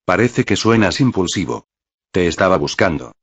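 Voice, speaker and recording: A man voicing a calm, commanding young woman who speaks softly and in a measured way in an audiobook reading. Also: low voice, slightly rough, no echo, heavily acted. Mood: serene, warning. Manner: soft, measured, quietly authoritative.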